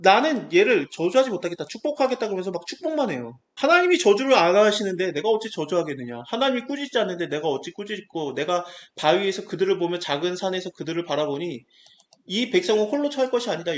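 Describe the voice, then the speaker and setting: Animated high-voiced man teaching the Bible. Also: echoey room. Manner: animated, acts out quoted speech.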